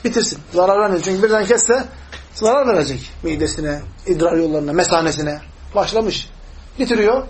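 Fast-talking high-voiced male religious teacher. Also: animated, poor audio. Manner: explains step by step, asks the class questions. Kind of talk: hadith lesson with Arabic recitation.

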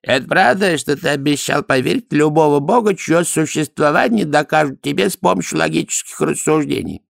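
An agitated priest presses his question in a raised, high voice, as a man puts him on. The recording stays close and dry. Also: brisk, creaky, no echo. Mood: insistent. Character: agitated male priest, insistent.

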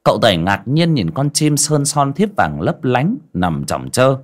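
A man narrating a folksy story in an expressive, vivid way. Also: medium pitch, unhurried.

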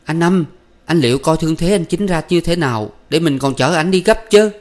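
A man voicing a frantic young woman, raising his voice high and pleading. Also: a little fast, lightly acted. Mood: anxious.

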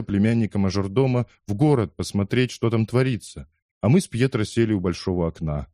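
A man reading a first-person story aloud in a measured storytelling manner. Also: lowish voice, mellow, dry recording, studio quality. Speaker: audiobook reader. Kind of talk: scripted first-person narration.

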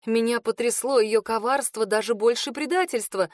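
A woman's voice: fairly high pitch, normal speed, no echo, clean studio sound. A woman reading a first-person fantasy audiobook in an emotive, intimate storytelling manner. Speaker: audiobook reader.

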